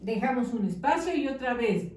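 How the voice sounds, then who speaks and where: A woman teacher giving a patient lesson to young children, dictating words slowly syllable by syllable and checking in with questions. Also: fairly high pitch, lively intonation, a little mellow. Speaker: primary school teacher. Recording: echoey room, distant mic.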